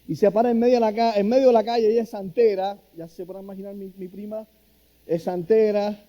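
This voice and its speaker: A man's voice: high voice, fast, highs cut off. A middle-aged man from Cuba preaching a sermon, telling stories and acting out quoted lines with a raised voice. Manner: storytelling, animated, acts out quotes in a raised voice. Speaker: pastor.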